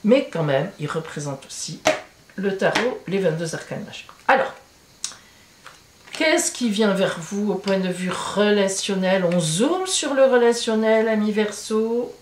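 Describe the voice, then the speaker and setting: Female tarot reader, casual and insistent, medium pitch, recorded in a roomy space. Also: a little slow, a little hiss or hum. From France. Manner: chatty, emphatic, with many fillers and repetitions. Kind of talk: casual tarot horoscope reading.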